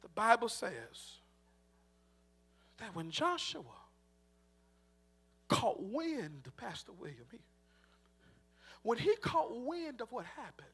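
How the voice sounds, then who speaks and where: Fervent shouting preacher man, slow and bright. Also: very high-pitched, sing-song, slightly rough, faint music behind. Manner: fervent preaching, swinging between shouts and hushed near-whispers. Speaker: pastor. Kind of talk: sermon.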